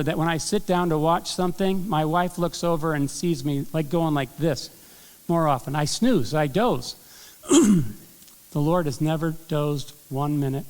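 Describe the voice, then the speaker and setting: Middle-aged guy preaching, kinda high voice, talks like he's chatting, echoey church. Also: a little mellow. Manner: earnest, conversational preaching with frequent throat clearing. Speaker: pastor. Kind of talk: sermon. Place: church sanctuary. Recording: long hall reverb.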